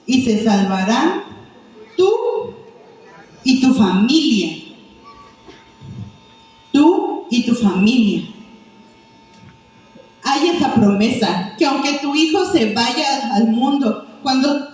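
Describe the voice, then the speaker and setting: A woman's voice: fairly high pitch, darkish tone. A woman preaching a sermon, telling stories and acting out little voices as she questions the congregation. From Mexico. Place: church hall. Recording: echoey hall mic from a distance.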